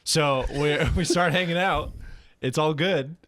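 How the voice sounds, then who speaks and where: A man's voice: fairly high pitch, a little slow, a bit bright, dry recording. Dry-sounding young man, teasing podcast host. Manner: teasing, laughing storyteller with many restarts. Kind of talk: casual chat. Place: podcast studio.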